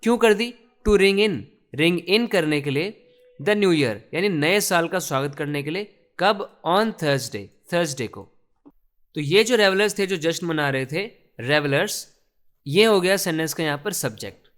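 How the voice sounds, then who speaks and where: A man teaching English from a newspaper, reading each phrase slowly and explaining it in Hindi. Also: a little high, animated, fairly bright tone. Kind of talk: explaining a newspaper text line by line.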